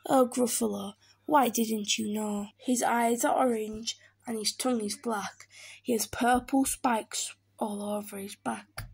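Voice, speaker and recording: A woman voicing a small, clever, boastful mouse with a bright, cheeky manner. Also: a little high, steady tone, unhurried, creaky, husky, full character voice. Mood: sly.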